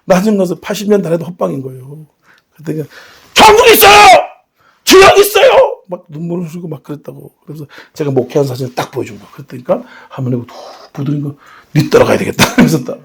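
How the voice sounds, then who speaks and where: A middle-aged male pastor preaching a sermon in a church, telling family stories with shouting bursts and acted voices. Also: a little high, racing, creaky, slight background noise. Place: church sanctuary.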